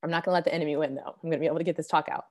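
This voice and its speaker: Earnest woman teaching, a bit hoarse. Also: deep voice, fairly even intonation, rapid-fire. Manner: earnest, conversational, clears throat often. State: hoarse, recovering from voice loss. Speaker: Bible teacher. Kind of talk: devotional Bible teaching talk.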